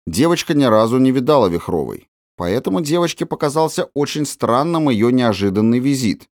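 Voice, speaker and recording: A man reading a children's novel aloud as an audiobook narrator, in a measured, expressive storytelling manner. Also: mid-range voice, no echo, clean studio sound. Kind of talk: scripted narration.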